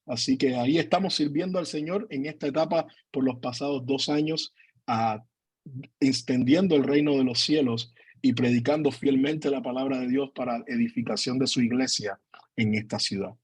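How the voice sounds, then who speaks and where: A man's voice: mid-range voice, normal speed, breathy edge, no room sound. A man, a pastor giving an earnest online teaching talk, hesitating often with fillers, on a computer mic during a video call. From Cuba.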